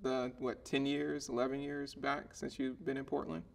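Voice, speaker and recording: A man in his thirties hosts a relaxed podcast conversation in a living room, chatty and quick to laugh. His voice has a gravelly edge at a middle pitch. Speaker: podcast host. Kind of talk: casual interview.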